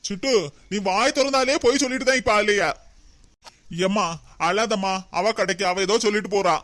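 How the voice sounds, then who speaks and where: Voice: medium pitch, fairly even intonation, normal speed, fairly bright tone, lightly acted. A performer voicing a dutiful young husband and son in a cartoon, with a Kanyakumari Tamil accent, who pleads and soothes but can turn firm. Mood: pleading. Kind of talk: cartoon voice acting.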